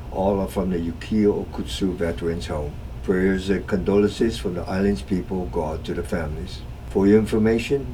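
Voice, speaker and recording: A man reading a scripted civil defense broadcast announcement in a grave, formal, measured official manner. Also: low-pitched, warm tone, far from the mic, slight background noise, poor audio.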